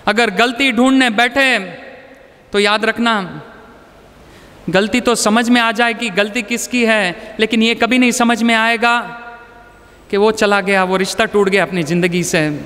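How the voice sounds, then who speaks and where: Very high-voiced man speaking in a hall. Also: measured pace, bright, forceful tone. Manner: conversational, anecdotal, mixes in English words. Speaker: motivational speaker. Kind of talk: storytelling talk to an audience.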